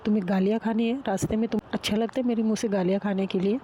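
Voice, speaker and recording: A woman voicing a sharp-tongued young woman who scolds her friends quickly and sarcastically. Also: medium pitch, steady tone, slight background noise, lightly acted. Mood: scolding.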